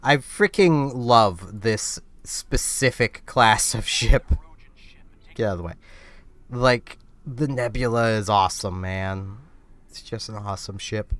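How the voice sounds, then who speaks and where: A fairly low, slightly bright male voice moves at a slow pace, with no echo in the recording. He's a streamer with a stuffy nose from a developing cold, casually narrating his game in a rambling, self-mocking way and laughing a lot.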